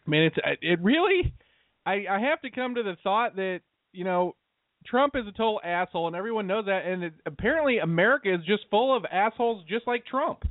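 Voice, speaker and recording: Over a tinny, dry Skype connection full of static and dropouts, a high-pitched man talks a little fast with lively intonation. He's co-hosting an internet radio show, and the casual banter is blunt and profane, with no room sound.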